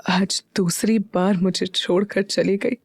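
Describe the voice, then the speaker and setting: A woman voicing a brooding, heartsick young husband who talks in a low, subdued murmur. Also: flat delivery, moderate pace, darkish tone, no echo, studio quality, natural voice. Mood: hurt.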